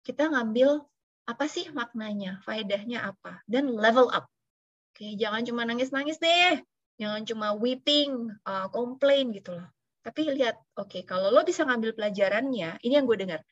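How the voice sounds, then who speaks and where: A woman's voice: a little high, animated, normal speed, no echo, muffled recording. A woman, an insurance agent giving a casual motivational talk, chatty and slipping in English phrases. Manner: chatty, mixes in English phrases, laughs now and then. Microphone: video call.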